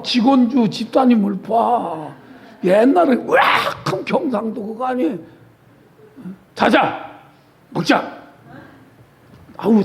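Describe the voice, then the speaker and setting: A man's voice: very high-pitched, warm tone. A man with a Chungcheong accent preaching a sermon in a church, folksy and teasing members of the congregation by name. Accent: Chungcheong dialect. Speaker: pastor. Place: church sanctuary.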